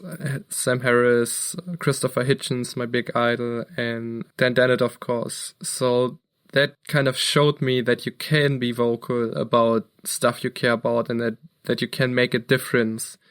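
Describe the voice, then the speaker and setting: Earnest young man from Germany, flat delivery. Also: medium pitch, measured pace, smooth. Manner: earnest, steady, occasional restarts. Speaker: podcast co-host. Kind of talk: casual chat.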